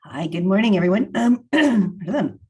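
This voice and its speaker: A woman's voice: mid-range voice, expressive, moderate pace, mellow, slightly rough. A woman introducing herself on a video call, laughing and fumbling for words. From United States.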